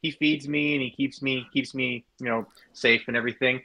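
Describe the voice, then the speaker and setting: A man voicing a friendly talking farm dog in a spoken joke, in his own nearly everyday voice and pitched a little higher. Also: steady tone, fairly quick, bright, forceful tone. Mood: content.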